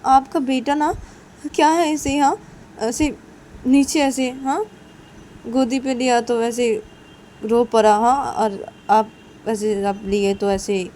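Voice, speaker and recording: A woman voicing a chatty young woman who fusses loudly and repeats herself. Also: fairly high pitch, a little hiss or hum, voice pushed up, close to an everyday voice. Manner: loud, fussing, repetitive talk. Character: chatty young woman, teasing family member.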